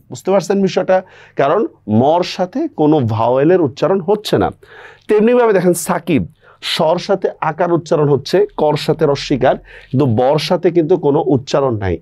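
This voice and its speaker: A man's voice: a little high, a little mellow, no room sound, clean studio sound. A man teaching a grammar lesson on pronunciation, explaining step by step and often checking that students follow.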